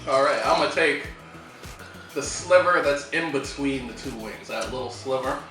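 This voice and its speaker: A man's voice: medium pitch, moderate pace, pushed and bright. A young man chatting casually with friends, laid-back and slangy, laughing often. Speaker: guest. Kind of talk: casual chat. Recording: echoey room, mic at a distance, faint music.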